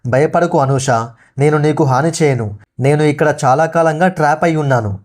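Gentle protective ghost of a young woman, soft and reassuring, read by a male narrator in a fairly high voice. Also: steady tone, brisk, natural voice.

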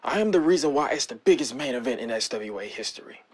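A man's voice: medium pitch, animated, fast talker, husky, voice pushed down. A man playing an arrogant, profane male wrestler cutting a sneering promo in a cocky, trash-talking manner. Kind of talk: wrestling promo role-play.

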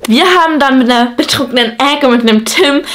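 A young woman talking casually and bluntly in slangy, excitable bursts to a camera in a room at home. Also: high voice, quick pace, soft background music. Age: young adult. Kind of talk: casual chat, slangy vlog talk. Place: small rooms at home indoors. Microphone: camera a short distance away.

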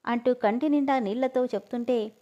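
A woman narrating a story in a steady, matter-of-fact manner. Her voice sits fairly high for a woman. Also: normal speed, lo-fi sound.

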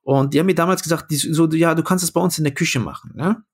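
A man's voice: a little high, quick pace, husky. A young man, a comedian and food founder, telling a story casually in a podcast interview, acting out quoted dialogue with lots of fillers.

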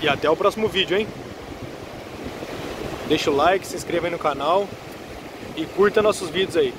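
A man films a walking vlog on his phone along a windy beach boardwalk. His voice sits slightly high and his chat is easygoing, aimed at his viewers. Loud surf and wind roar around the phone mic. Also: moderate pace. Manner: relaxed, chatty, addresses viewers often. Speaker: vlogger filming the beach. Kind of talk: casual walking vlog commentary. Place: outdoors on a windy seaside boardwalk. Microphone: handheld phone camera. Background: waves and passing traffic.

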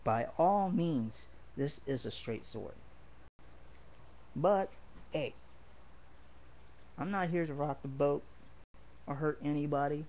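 In a home video, a martial arts hobbyist casually shows off his swords. His voice sits on the high side with a darkish tone, and he talks slowly and earnestly, rambling, pausing often and restarting many times.

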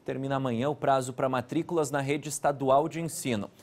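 A man presenting a local TV news program from the studio, chatting between reports in a brisk, conversational way. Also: medium pitch, steady tone, a little mellow. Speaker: news anchor.

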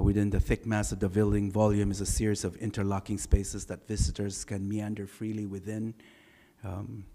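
An architect, a middle-aged man with a lowish baritone, lectures at a podium microphone in a relaxed, anecdotal, conversational style, often pausing on "uh" and "um." A long reverb from the large lecture hall trails his voice.

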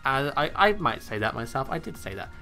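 A man with a bright, forceful voice talks through a video game match in a loose, chatty way. He pokes fun at himself and laughs easily, with faint music playing under his voice. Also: mid-range voice, sing-song, brisk. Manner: chatty and self-mocking, laughs often. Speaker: game commentator. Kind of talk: casual battle commentary.

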